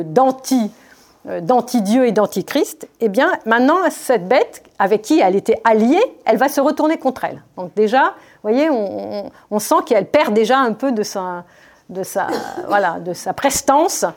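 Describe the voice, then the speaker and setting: A woman giving a Bible study talk, reading verses and explaining them in a spontaneous, halting way with many fillers and restarts. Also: mid-range voice, darkish tone. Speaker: Bible teacher.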